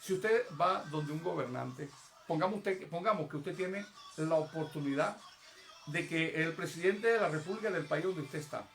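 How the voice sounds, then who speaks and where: A man's voice: fairly high pitch, normal speed, vocal fry, a bit bright, soft background music. A man preaching an evangelical sermon in a church service. He speaks emphatically to the congregation and acts out prayers and pleas in a raised voice. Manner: emphatic, addresses the congregation directly.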